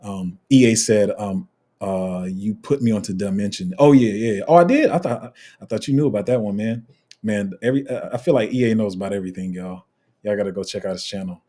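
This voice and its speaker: Husky low-voiced man chatting. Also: a little fast. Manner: relaxed, rambling, many fillers and restarts. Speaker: crypto livestream host. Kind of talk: casual livestream chat reading comments.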